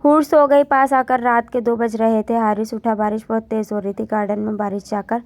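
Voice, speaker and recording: A woman's voice: on the high side, little pitch movement, a little fast, darkish tone, no echo. Woman narrating an emotional story.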